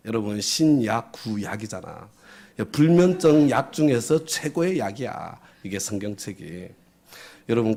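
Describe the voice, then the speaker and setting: A male pastor preaching a lesson, asking his listeners questions and answering them himself. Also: fairly low pitch. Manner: lively, asks the audience questions and answers them; acts out little quoted voices for effect. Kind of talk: sermon lesson to a congregation.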